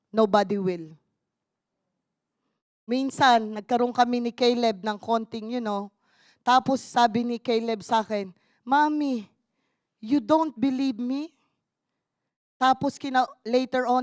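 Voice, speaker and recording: Middle-aged Filipino woman preacher, high and dry, code-switching, emphatic. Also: dry recording. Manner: switches between Tagalog and English, rising to emphatic bursts. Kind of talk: sermon.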